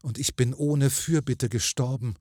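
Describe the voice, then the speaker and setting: A man's voice: mid-range voice, steady tone, unhurried, warm tone, dry recording, clean studio sound, pitched above the performer's own voice, close to an everyday voice. A man voicing the faint, sweet ghost of a murdered young woman in a storybook reading, pleading and lamenting.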